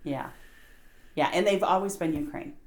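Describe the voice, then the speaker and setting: A woman's voice: lowish voice, moderate pace. An American woman telling stories in casual conversation, earnest and emphatic. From United States.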